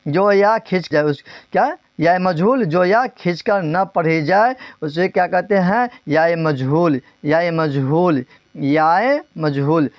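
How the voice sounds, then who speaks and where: A male teacher giving a grammar lesson, asking questions and repeating the answers, drawing some words out slowly and rushing through others. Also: fairly high pitch, no echo, highs cut off. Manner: drills terms, asks and repeats answers; stretches words slowly, then speeds up.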